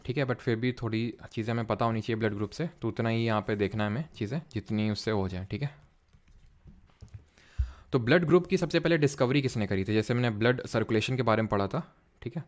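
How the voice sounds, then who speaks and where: An online tutor with a mid-range voice teaches a live lesson in Hindi, mixing in English technical terms with an Indian accent. He proceeds step by step, often stopping to quiz the class and check everyone is following, frequently saying "ठीक है".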